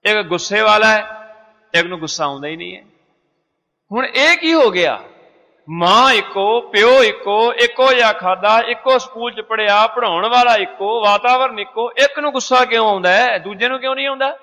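A man's voice: sits high, normal speed, bright, forceful tone. A man preaching who explains through everyday examples and rhetorical questions. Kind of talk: religious discourse. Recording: echoey hall.

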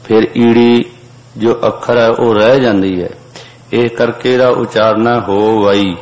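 A man teaching how to pronounce sacred verses. He chants each line slowly, then explains it plainly. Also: mid-range voice, level tone, darkish tone. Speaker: scripture recitation teacher. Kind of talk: slow chanted recitation with spoken pronunciation notes. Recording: dull lo-fi audio with long hall reverb.

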